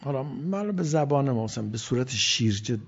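A man giving a religious sermon, swinging between loud emphasis and hushed, near-whispered lines. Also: medium pitch, animated, breathy edge. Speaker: preacher. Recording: dull lo-fi recording.

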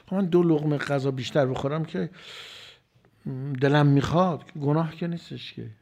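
A man preaching a sermon, moving from loud, emphatic phrases to near-whispers. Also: on the high side, creaky. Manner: dramatic swings from loud to whispered.

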